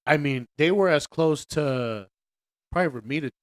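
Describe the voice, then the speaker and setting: A man's voice: a little high, normal speed. A man asking questions as a podcast host in informal, casual chat with some swearing. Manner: informal, profane.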